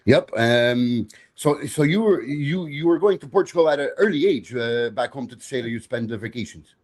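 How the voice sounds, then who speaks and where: A man's voice: mid-range voice, expressive, moderate pace. A man hosting a podcast interview in a casual way, often repeating words as he asks questions. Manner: stammering repeats, laughs along. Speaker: podcast host.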